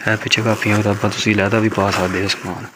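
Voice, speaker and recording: A man's voice: lowish voice, level tone, quick pace. Home vlogger, Pakistani Punjabi man, middle-aged, repetitive show-and-tell manner, heavy background noise. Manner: repetitive, with frequent tags like "okay" and "mashallah". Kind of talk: casual show-and-tell vlog. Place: indoor room at home. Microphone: phone camera held by the speaker.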